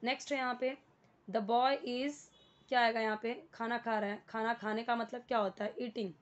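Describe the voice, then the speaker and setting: A woman's voice: a little high, steady tone, moderate pace, dull audio. A woman with an Indian accent teaching beginner English, explaining a worksheet patiently and spelling words out letter by letter.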